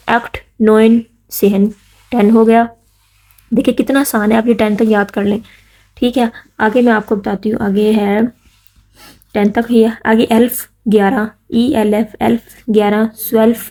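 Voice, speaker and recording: A woman's voice: fairly high pitch, mellow. A woman giving a casual spoken lesson, spelling words out letter by letter and asking listeners to repeat after her. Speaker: language teacher.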